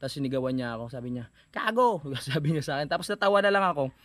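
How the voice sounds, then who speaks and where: Telling a casual vlog story at a racing pace, a young adult man speaks in a mid-range voice with lively intonation and no echo. The vlogger turns mock-preachy partway through, addressing viewers as "mga kapanalig" like a congregation.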